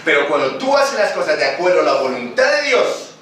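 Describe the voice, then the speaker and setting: A man's voice: a little high, very animated, brisk, fairly bright tone. A man preaching a sermon, questioning the congregation and acting out scenes. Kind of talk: sermon with call and response. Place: church hall. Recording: echoey church recording from far off, noisy.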